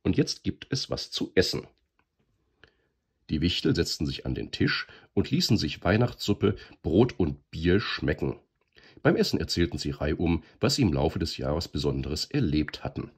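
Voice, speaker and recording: A deep-voiced man reading a storybook aloud, lively and expressive, with a husky grain. His pitch moves widely as he reads.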